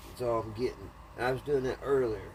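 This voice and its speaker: A man with a mid-range, slightly mellow voice talks a little fast, muttering to himself in a folksy way as he repairs an antique radio. It's a casual hands-on home video, and the recording is clearly noisy.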